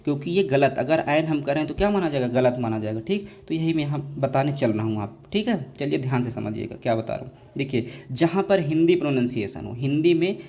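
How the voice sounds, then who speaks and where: A man's voice: medium pitch, animated, fairly quick, darkish tone. A man teaching English grammar to students in a classroom lecture. He keeps asking his own questions and answering them, repeats each point, and calls the students dear children. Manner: repetitive call-and-response drilling, addresses students as dear children.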